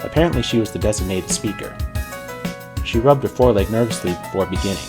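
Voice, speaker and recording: An amateur fan fiction reader narrates a scripted story aloud, voicing the characters' dialogue. His voice is on the low side and quick, heard over music.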